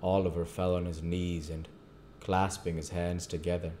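A man reading a classic novel aloud at a measured pace, with the occasional stumble. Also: low-pitched, flat delivery, a little mellow, a little hiss or hum. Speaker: audiobook reader.

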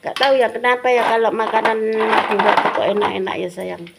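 A woman's voice: fairly high pitch, fast talker, creaky. An older woman with a Javanese accent, chatting affectionately to viewers in a home cooking vlog, constantly calling them dear. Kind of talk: casual chat while frying crackers. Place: home kitchen. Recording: home phone video with background noise.

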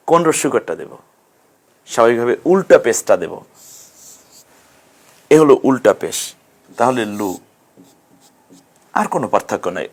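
A man teaching Quran letter sounds in a patient lesson, repeating each sound slowly. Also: mid-range voice. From Bangladesh. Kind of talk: explanatory lesson.

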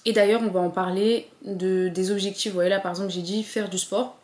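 A woman's voice: mid-range voice, steady tone, fairly quick, a little mellow. Chatty woman vlogger in an echoey room. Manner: chatty and encouraging, with frequent fillers. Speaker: lifestyle vlogger. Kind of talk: casual motivational chat to camera.

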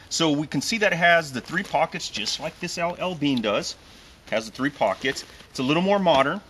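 A middle-aged man hosting a casual outdoor gear chat, teasing and animated, recorded from a camera a few steps away. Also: a little high, a little hiss or hum. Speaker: host. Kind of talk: casual show-and-tell chat. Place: outdoors in a wooded park.

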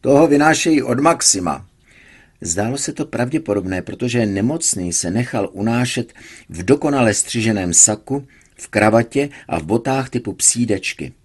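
A man reading a serialized novel aloud in a measured storytelling manner. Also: on the low side, expressive, slightly rough. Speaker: audiobook reader.

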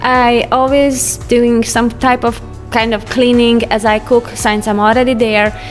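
Woman narrating her home routine, highish voice, soft music behind. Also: little pitch movement, unhurried. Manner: chatty, light laughs, non-native phrasing. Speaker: home vlogger. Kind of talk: casual voice-over narration. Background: soft background music.

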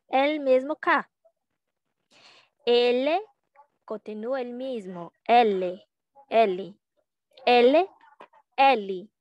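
A young woman with a Brazilian Portuguese accent teaching a Portuguese lesson in Spanish, drawing out each letter sound slowly. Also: fairly high pitch, fairly bright tone, dry recording. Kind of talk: slow language lesson.

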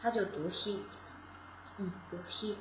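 A woman's voice: mid-range voice, fairly even intonation, a little slow, reverberant, dull audio, noisy background. A woman from China teaching a casual beginner lesson, patiently explaining each step and repeating sounds aloud. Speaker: Japanese language teacher.

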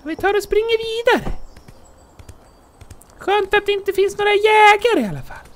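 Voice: very high-pitched, expressive. A performer voicing a cheerful, childlike bear in let's play commentary, chirpily narrating its own actions as "we". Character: cheerful childlike bear, cozy and easily delighted.

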